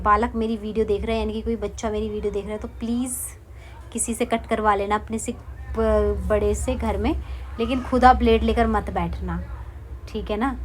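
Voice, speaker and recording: A young woman hosts a home craft tutorial in a mid-pitched, conversational voice. She keeps cautioning viewers and fills every pause with reassurances. Faint room noise sits under her close recording. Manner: chatty, repeats "theek hai" constantly; cautioning, talks straight to viewers. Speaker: craft channel host.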